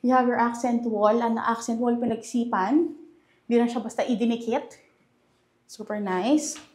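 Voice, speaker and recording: A young Filipino-accented woman leads a house tour, talking in a fairly high voice. She sounds chatty and upbeat, full of enthusiasm. She is recorded indoors in a furnished house. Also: normal speed, darkish tone. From Philippines. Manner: chatty and enthusiastic, mixing Tagalog and English. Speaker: real estate house tour host. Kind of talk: casual house tour walkthrough.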